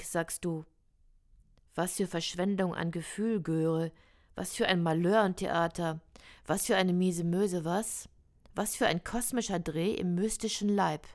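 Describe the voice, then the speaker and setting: A woman reciting experimental prose poetry in a slow, measured, deliberate way. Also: on the low side, vocal fry.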